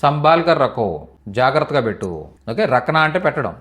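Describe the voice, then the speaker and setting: A man's voice: mid-range voice, big pitch swings, moderate pace, a bit bright. A man teaching in a live online language class, repeating each phrase patiently for students. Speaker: Hindi teacher.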